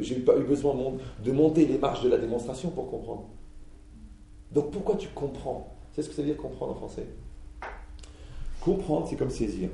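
A man teaching an audience in a lively way, full of rhetorical questions, playacted dialogues and jokes. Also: mid-range voice, creaky, echoey room, recorded from a distance, poor audio.

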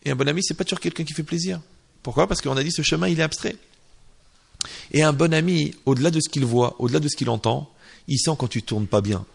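Male religious teacher, casual lesson, raised pitch, gravelly edge. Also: fast talker. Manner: animated, acts out little dialogues, slips in Hebrew terms. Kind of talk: informal Torah lesson.

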